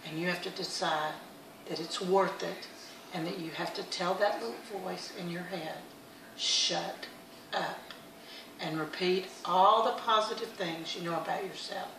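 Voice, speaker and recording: A woman's voice: fairly low pitch, moderate pace, recorded from a distance, background noise. A middle-aged woman vlogging, telling stories and giving earnest motivational talk in a chatty way. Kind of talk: casual motivational vlog. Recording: echoey room, a bit off-mic.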